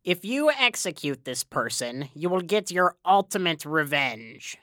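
A woman voicing a thin, sly little man who talks in a slow, wheedling, persuasive way, reading a storybook. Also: fairly low pitch, very animated, fairly bright tone, no room sound, studio quality, pitched below the performer's own voice. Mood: scheming.

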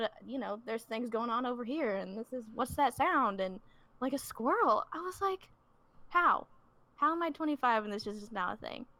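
A woman in her twenties with a voice that sits high and a sharp tone co-hosts a true crime podcast, telling a story in casual chat. She's chatty and self-deprecating, uses lots of fillers and some swearing. There's no echo.

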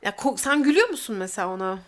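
A woman's voice: medium pitch, very animated, rapid-fire, a crowd in the background. A woman co-hosting a podcast in casual chat, often hesitant as she searches for words. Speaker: podcast co-host.

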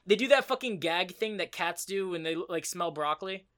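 A man's voice: high voice, expressive, normal speed, bright, forceful tone. A man co-hosting a casual podcast, profane and sarcastic, prone to ranting. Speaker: podcast co-host.

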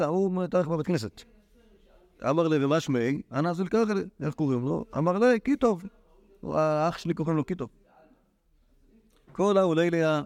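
A man's voice: fairly high pitch, darkish tone, no echo. A man, a rabbi teaching a Talmud class to students, reading the text aloud and then explaining it in everyday speech with many restarts.

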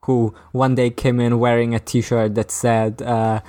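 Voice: medium pitch, little pitch movement, unhurried, dark tone. A speaker on a podcast, chatting casually and laughing easily. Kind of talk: casual group chat.

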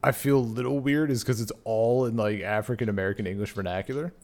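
A man's voice: mid-range voice, fairly even intonation, fast, darkish tone. A man with an Upper Midwest accent hosting a casual podcast chat, rambling with lots of fillers. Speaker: podcast host.

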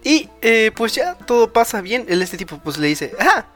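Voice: medium pitch, big pitch swings, moderate pace, fairly bright tone, soft background music. A speaker, co-hosting a podcast and recapping an anime episode in casual chat. They ramble, with many fillers and tag questions. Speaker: podcast co-host.

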